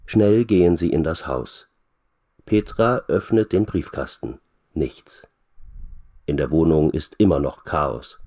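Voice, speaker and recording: A man reading a graded storybook aloud for language learners, slowly and clearly. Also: low voice, warm tone. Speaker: reader.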